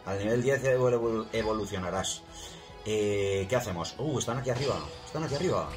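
A man with a Spain accent commentating his own video game match, excitable and yelling at the action. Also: lowish voice, a little fast. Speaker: gaming channel host. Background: game music.

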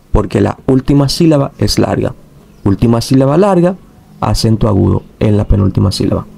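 A man teaching a recorded lesson, taking his time to explain each rule and then repeating it. His voice is gravelly, with a dark, mellow tone and a little fry at the ends of phrases. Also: mid-range voice. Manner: patient, repeats rules to make them clear.

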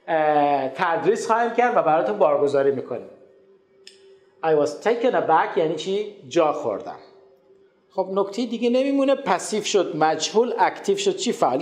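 High-voiced man teaching English grammar. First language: Persian. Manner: explains in Persian, drills English words slowly. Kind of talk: grammar lesson. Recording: echoey room.

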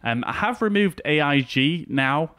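A man's voice: a little high, animated, a little slow, fairly bright tone, smooth, no room sound, studio quality. A man streaming a flight sim over a headset mic, chatting casually and greeting viewers by name with plenty of filler words. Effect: livestream headset mic audio. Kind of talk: casual livestream chat.

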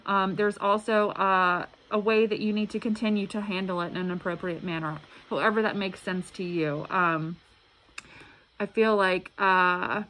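A woman's voice: medium pitch, steady tone, a bit bright. Woman muffled through a face mask, background noise. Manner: halting, earnest, repeats words. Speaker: tarot reader. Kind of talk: casual spiritual tarot reading to camera. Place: indoor room at a table. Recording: clearly noisy room recording.

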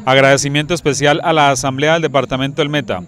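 A man's voice: medium pitch, fairly even intonation, quick pace, a bit bright. A Colombian man in his forties speaking as a mayor to TV news, in official, list-like oratory, into a handheld microphone outdoors. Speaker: municipal mayor. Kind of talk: formal spoken statement to TV news. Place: outdoors at night near a livestock complex. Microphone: handheld reporter microphone.

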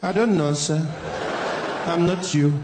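A slow, flat-talking South African call-centre woman, deadpan and unhelpful, as a man puts her on. Her voice sits higher and climbs shrill when she gets worked up. It echoes around a live room with noise behind it. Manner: flat, slow and matter-of-fact, then shrill and rapid when venting. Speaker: comedian.

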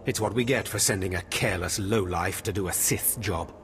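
A man's voice: low voice, a little fast, a little hiss or hum, natural voice. An actor playing a harsh, contemptuous male Sith overseer in a video game, giving cold commands. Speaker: academy overseer.

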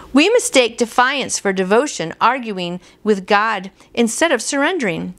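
This devotional host is a woman in her fifties, reading aloud from a small furnished room in her home. Her voice is a little high and a bit bright, and her delivery feels earnest and conversational.

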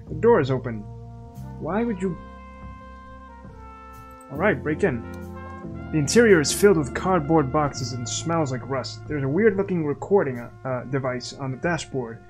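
A man's voice: a little high, lively intonation, normal speed, pauses often, a little mellow, soft background music. A man playing a video game, chatting casually and reading its text aloud. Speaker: gaming video creator. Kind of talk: let's play commentary and reading.

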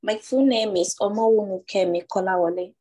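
A woman's voice: mid-range voice, a little fast, dark tone. A young woman with a Nigerian accent, taking part as a candidate in a question-and-answer speaking test. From Ondo State, Nigeria.

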